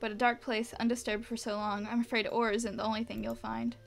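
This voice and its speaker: A woman voicing a gruff old male guild keeper in a game, reading his lines in her own fairly high voice. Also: level tone, a little fast, soft background music. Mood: ominous. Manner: reads game dialogue aloud in her own voice.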